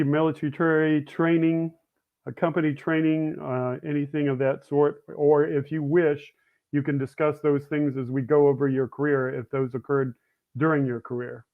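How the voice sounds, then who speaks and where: Host on a tinny phone-like line. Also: male voice, fairly high pitch. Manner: plain, reads questions from a script. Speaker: podcast host. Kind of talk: interview questions.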